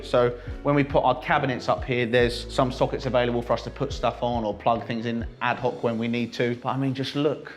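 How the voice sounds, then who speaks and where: British man, mid-pitched voice, casual vlog host, excitable and jokey, background music. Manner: enthusiastic, jokey, exclamatory. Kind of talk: casual building tour vlog. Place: large building under renovation, indoors.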